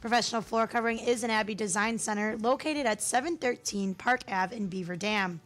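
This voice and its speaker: A woman hosting a morning radio show from the studio, reading sponsor copy in a bright, friendly way. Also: mid-range voice, brisk. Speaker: radio host.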